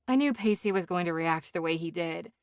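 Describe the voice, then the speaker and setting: A man voicing a young pregnant woman in an audiobook, soft and shaky at times, then firm and scolding. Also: high-pitched, a little fast, smooth, dry recording, clean studio sound, pitched above the performer's own voice, lightly acted. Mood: apologetic. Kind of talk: audiobook character voice.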